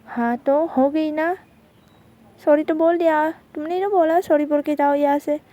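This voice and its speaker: A woman's voice: high-pitched, fairly even intonation, moderate pace, mellow, lightly acted. A woman voicing a touchy, easily irritated young college girl in a told love story. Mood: huffy. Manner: huffy, complaining.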